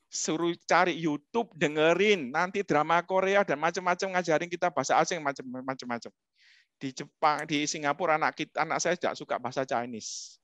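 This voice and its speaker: A middle-aged man giving a humorous, animated talk as a webinar guest speaker, speaking straight to his listeners. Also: on the high side, dry recording, dull audio. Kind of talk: lively storytelling talk.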